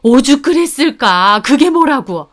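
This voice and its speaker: A woman's voice: high-pitched, sing-song, a little slow, voice pushed up. A woman voicing a scolding middle-aged mother-in-law. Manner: sharp, scolding, defends her daughter. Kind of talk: narrated story with acted dialogue.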